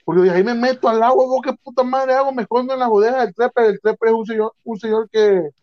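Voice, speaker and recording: A man's voice: extremely high pitch, quick pace. Slangy young man telling a story. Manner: slangy, animated, acts out voices in his story. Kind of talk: casual storytelling chat. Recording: dull lo-fi sound.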